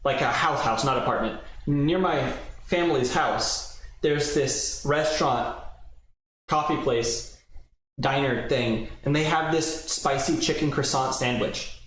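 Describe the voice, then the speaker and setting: Cooking in his apartment kitchen, a male streamer chats casually on a livestream in a mid-range, slightly bright voice at a measured pace. He rambles and keeps cutting himself off, and the room is very echoey with faint background noise.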